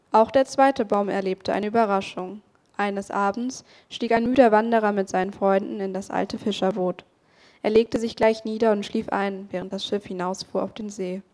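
A woman reading a Christmas story aloud in a calm, expressive way. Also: mid-range voice. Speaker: story reader. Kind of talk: storybook narration.

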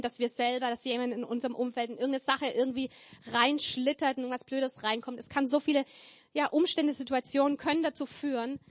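A woman preaching a sermon in an earnest, emphatic way, building her points through repetition. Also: high-pitched. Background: church hall with tables.

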